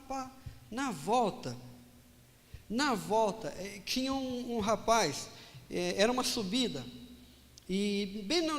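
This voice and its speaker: A pastor telling a personal story in a sermon, animated and dramatic, acting out the dialogue. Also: male voice, high voice, big-room sound.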